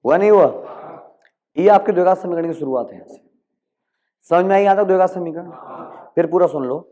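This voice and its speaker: High-voiced man tutoring maths, lo-fi. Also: warm tone. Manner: coaxing, asks quick check questions and answers them himself. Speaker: maths teacher. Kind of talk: classroom-style exam tutoring. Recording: dull lo-fi recording.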